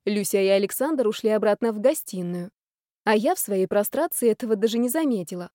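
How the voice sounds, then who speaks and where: A woman reading a first-person romance audiobook in a lively, expressive way. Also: medium pitch, a little fast, no echo, clean studio sound. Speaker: audiobook narrator.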